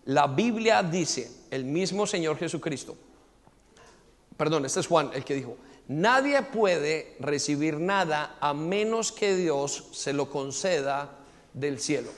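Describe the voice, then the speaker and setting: A man's voice: on the high side, lively intonation, takes it slowly, big-room sound. A man preaching a teaching sermon, emphatic, asking listeners to repeat after him and take notes.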